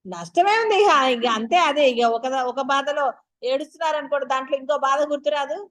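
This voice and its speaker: Talking fast and expressively, a spiritual teacher with a high voice leads a discourse aimed squarely at her audience. Her tone is chatty and persuasive as she throws out one rhetorical question after another.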